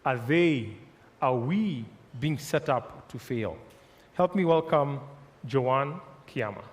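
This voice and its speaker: A man's voice: mid-range voice, animated, takes it slowly. A man serving as emcee at a live conference, introducing the next session with frequent fillers and restarts. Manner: hesitant, filler-heavy introductions. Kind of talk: live event hosting. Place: large conference hall. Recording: long hall reverb with faint music.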